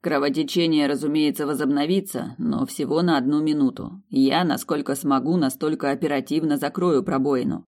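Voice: medium pitch, steady tone, normal speed, few pauses, a little mellow, close to an everyday voice. A reader voicing a stern vampire man who gives firm orders and curses under pressure.

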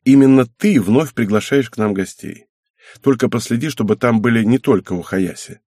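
A man voicing a patient, tired middle-aged father in an audiobook, speaking slowly with sighs. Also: mid-range voice, mellow, dry recording, clean studio sound, natural voice. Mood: calm. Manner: slow, sighing, soothing.

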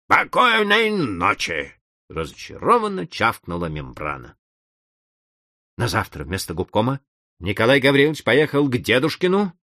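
A man reads a classic story aloud in an expressive audiobook style. His pitch moves freely and dramatically. The recording is close and dry. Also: no echo. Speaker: narrator.

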